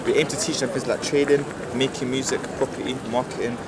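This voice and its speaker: A man stops a passer-by on the street and gives a rehearsed, upbeat fundraising pitch in a smooth, persuasive patter. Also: level tone, quick pace, over a noisy crowd. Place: outdoors on a busy city square. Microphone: camera mic a short distance away. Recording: loud street noise over the voice. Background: loud street bustle.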